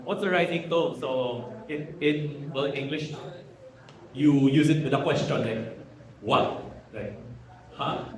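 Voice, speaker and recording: In an echoey hall full of people, a man from the Philippines teaches Hokkien at a casual workshop lecture. His voice is mid-range, a little mellow and unhurried; he mixes in Tagalog fillers and throws questions to the audience.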